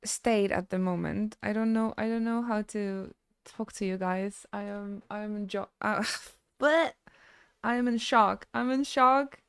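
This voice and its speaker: A woman game streamer chatting casually with her live audience, halting and stammering as she thanks viewers between frequent laughs. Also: mid-range voice, fairly even intonation, smooth, no room sound, clean studio sound.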